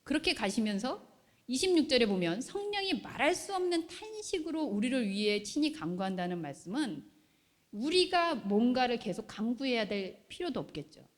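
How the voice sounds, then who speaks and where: A woman pastor preaching a sermon in a lively way, often putting questions to the congregation. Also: fairly high pitch, normal speed. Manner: animated, asks the congregation questions. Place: church hall. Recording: long hall reverb.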